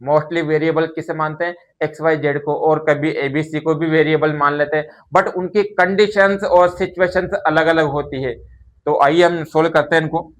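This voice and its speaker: A man's voice: on the high side, fairly even intonation, normal speed. A man teaching a maths lesson, explaining patiently and often asking questions and answering them himself. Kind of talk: classroom-style maths lesson.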